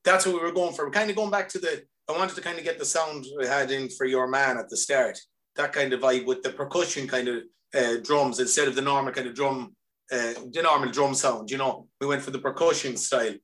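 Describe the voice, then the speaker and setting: This Mayo man, a musician guest with a west of Ireland accent, rambles cheerfully in casual chat over a remote video call. He speaks fairly quickly in a mid-range, slightly bright voice with fairly even intonation.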